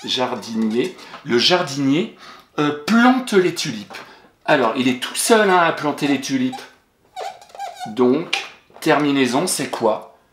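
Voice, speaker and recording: A man talks a young child through a spelling correction, patient and encouraging, spelling each word letter by letter. His pitch swings up and down in a lively way, and the recording sounds roomy with a noticeable echo. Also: slow pace, slight background noise. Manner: addresses the child directly and familiarly. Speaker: primary school teacher.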